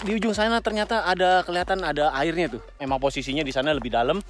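A man's voice: on the high side, fast. A man in his thirties with an Indonesian accent, hosting a casual travel vlog outdoors and filming himself with a phone at arm's length. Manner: chatty, relaxed, informal slang. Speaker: vlogger host. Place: outdoors by a dry riverbed in bushland.

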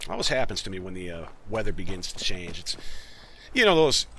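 A man's voice: low voice, big pitch swings, brisk, bright, forceful tone. Man with a cold, let's-play host, rambling offhand jokes, faint background noise. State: slightly congested from a cold. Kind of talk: casual gameplay commentary.

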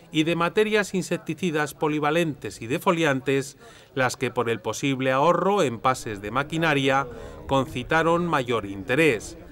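A man reading scripted news narration in a measured, formal way. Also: medium pitch, fairly bright tone.

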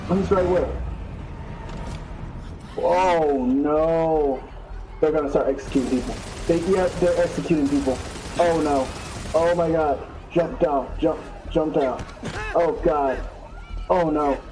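A young man giving excitable let's play commentary, shouting at the game as he plays. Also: on the high side, slow, long pauses, a little hiss or hum, low-quality recording. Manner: excitable, exclamatory, talks to the game. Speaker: gameplay channel host.

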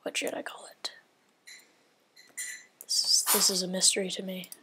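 A woman who makes gaming videos offers casual gameplay commentary, rambling as she thinks aloud and often dropping to a whisper. Her voice is medium-pitched and steady, at a normal speed.

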